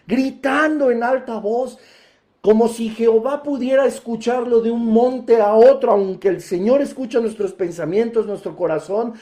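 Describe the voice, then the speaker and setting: A man preaching a Bible teaching sermon, emphatic, inviting listeners to picture each scene and swelling into loud, forceful passages. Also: extremely high pitch.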